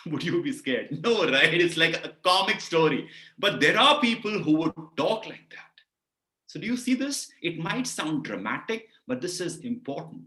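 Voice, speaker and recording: A man with an Indian English accent giving an animated webinar talk on public speaking, often putting questions to his listeners. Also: fairly high pitch, echoey room. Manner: animated, lots of vocal variety, keeps asking the audience questions.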